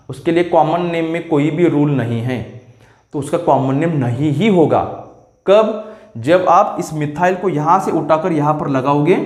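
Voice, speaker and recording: A man teaching chemistry in a classroom lecture, explaining step by step and often asking if the students follow. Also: fairly high pitch. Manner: explains step by step, keeps checking "clear?" with students. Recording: echoey room.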